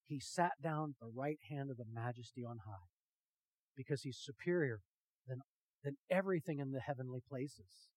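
A man preaching a sermon with emphatic rhetorical questions, swinging from hushed to loud and talking directly to his congregation. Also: fairly high pitch, dry recording, low-quality recording. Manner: talks with the congregation, asks them questions. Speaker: pastor.

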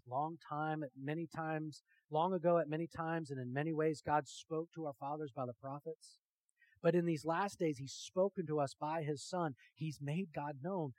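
A man preaching a sermon with emphatic rhetorical questions, swinging from hushed to loud and talking directly to his congregation. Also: on the high side, no room sound, low-quality recording. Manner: talks with the congregation, asks them questions. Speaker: pastor.

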